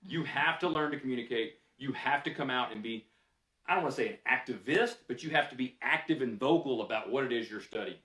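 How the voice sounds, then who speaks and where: A scientist answers audience questions after a lecture in a candid, conversational way, pausing on fillers as he works through his thoughts. His voice is at an ordinary pitch, with a bright, forceful tone. It sounds roomy and a little distant from the mic.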